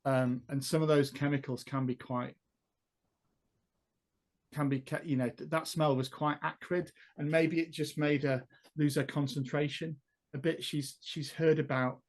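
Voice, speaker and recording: A man's voice: fairly high pitch, fairly even intonation, a little slow. A man playing a tabletop role-playing game, thinking aloud as he builds the scene step by step. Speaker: player. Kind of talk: tabletop role-play storytelling.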